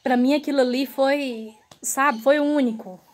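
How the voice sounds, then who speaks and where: A woman's voice: sits high, unhurried. A woman vlogger telling her own story earnestly to her viewers, often turning to address them directly. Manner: relaxed, repetitive phrasing.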